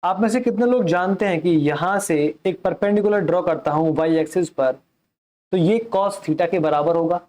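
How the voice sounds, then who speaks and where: A man's voice: sits high, normal speed, darkish tone. A male math teacher giving a classroom lecture who mixes English terms into his Hindi and keeps asking questions and then answering them himself.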